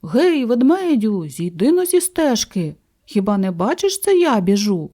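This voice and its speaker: Lady putting on a bratty little boy hare, high and bouncy, brags loud in a bedtime story. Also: big pitch swings, a little slow. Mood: boastful. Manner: brash shouting boasts.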